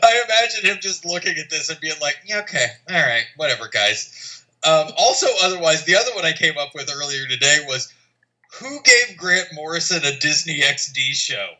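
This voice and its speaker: A man co-hosting a podcast with casual comic banter, joking in halting, restarted phrases. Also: fairly high pitch, lively intonation, bright, forceful tone, poor audio. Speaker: podcast co-host.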